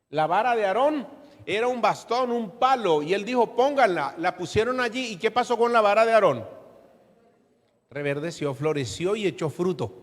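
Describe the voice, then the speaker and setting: Male preacher, slightly high voice, dramatic and emphatic sermon, long church-hall reverb. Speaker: apostle preaching to a congregation.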